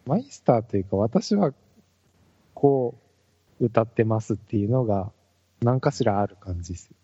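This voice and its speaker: A man from Fukuoka co-hosting a podcast in casual chat among musicians, calm and politely teasing. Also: fairly low pitch, normal speed, breathy edge, dry recording, muffled recording. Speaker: podcast co-host.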